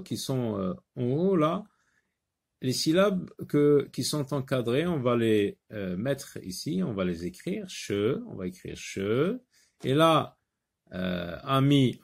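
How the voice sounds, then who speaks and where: A man leads a French phonics lesson at a very slow, deliberate pace, repeating each word and sound several times. His voice has a gravelly edge, and his pitch moves lively up and down as he stresses the sounds. Now and then he translates an instruction into Arabic. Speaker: French teacher.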